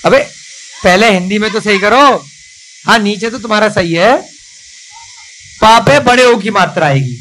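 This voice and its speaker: A man teaching children to write a script in a classroom, coaxing and praising them and spelling out each stroke slowly. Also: sits high, a bit bright, slight background noise, low-quality recording.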